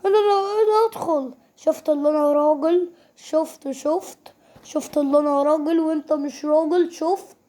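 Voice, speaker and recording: Egyptian woman, high voice, excitable playful game commentator, teasing and quick-changing. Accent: Egyptian Arabic. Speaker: gaming YouTuber.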